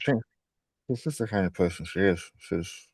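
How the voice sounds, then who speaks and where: Low-voiced man, self-deprecating. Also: normal speed, darkish tone, dry recording. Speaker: podcast guest, cancer survivor. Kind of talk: casual conversational interview.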